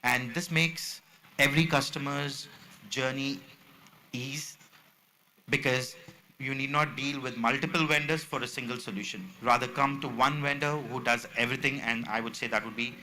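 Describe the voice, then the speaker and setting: A man's voice: mid-range voice, fairly even intonation, moderate pace, sharp tone, rough recording. A man giving a podium speech as a company representative, presenting products with slides in a salesman-like, explaining manner. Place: symposium venue, speaking at a podium. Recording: background noise from a live event room.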